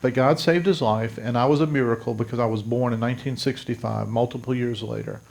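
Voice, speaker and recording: A man in his fifties from South Louisiana preaches his testimony, speaking straight to the people in the pews. His voice has a gravelly edge and sits at an ordinary pitch for a man. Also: fairly even intonation, fairly quick, a little mellow. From South Louisiana, USA. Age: 50s. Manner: earnest storytelling, addresses the congregation directly. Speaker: pastor. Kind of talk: testimony sermon.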